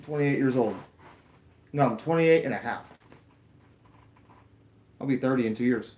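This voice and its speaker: In an echoey room, a late-twenties man from Florida talks at a measured pace with a mid-range, somewhat mellow voice. He's a YouTuber streaming a wrestling watch-along, rambling loosely to his audience as the show plays live, replying to chat and teasing himself.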